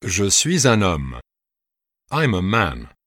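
A man with a low, slightly husky voice reads drill sentences very slowly. His intonation moves lively between words. The recording is dry. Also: no room sound. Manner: slow, clearly spaced model sentences. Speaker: reader of example sentences. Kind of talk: scripted language drill.

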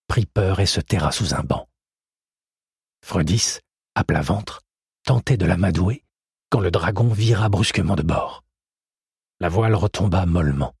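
A man reads an adventure novel aloud at an even, unhurried pace. His voice is low and markedly husky, with a breathy grain. The recording is close and dry, with no room sound. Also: no echo. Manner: steady measured storytelling. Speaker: audiobook narrator. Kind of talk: scripted narration.

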